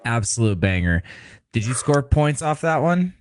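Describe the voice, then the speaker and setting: A man co-hosting a casual livestream chat, relaxed and throwing in quick asides. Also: mid-range voice, a little hiss or hum. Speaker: podcast co-host.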